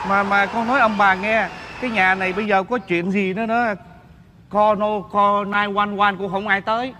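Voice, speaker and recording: A polite, rambling grandson in a stage comedy sketch. He stammers and restarts as he talks, in a very high, bright voice. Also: little pitch movement, moderate pace. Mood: earnest. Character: odd-looking young grandson, polite, rambling.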